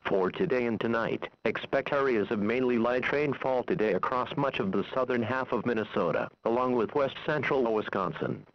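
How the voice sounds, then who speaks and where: An American man's synthesized-sounding weather radio voice, reading a scripted bulletin in a formal, measured manner. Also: medium pitch. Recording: dull lo-fi weather radio broadcast.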